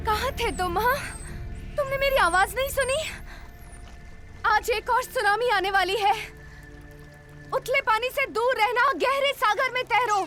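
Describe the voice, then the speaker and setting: A woman's voice: extremely high pitch, measured pace, pauses often. An actress dubbing a determined young woman who insists on going alone to protect a sea creature, speaking urgently. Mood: tender urging. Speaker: dubbed film character. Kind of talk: Hindi film dub acting. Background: film score music.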